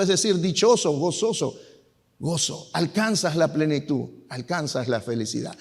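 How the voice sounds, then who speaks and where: A male pastor preaching in a church, his voice pitched high for a man. He questions his congregation often and then answers the questions himself. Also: a little mellow. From Peru. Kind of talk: sermon. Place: church sanctuary.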